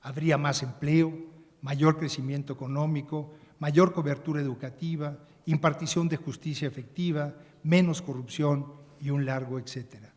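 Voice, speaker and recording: A man giving a measured, formal prepared speech as a panelist, with occasional restarts. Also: a little high, fairly even intonation, darkish tone. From Mexico. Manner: measured, reading a prepared text, some restarts. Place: large conference hall. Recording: conference hall with long reverb.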